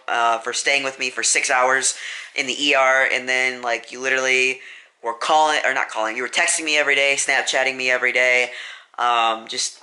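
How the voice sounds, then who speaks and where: A man's voice: medium pitch, bright, forceful tone. A young man telling a story on his vlog, rambling and correcting himself with lots of fillers. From US Midwest. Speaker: vlogger.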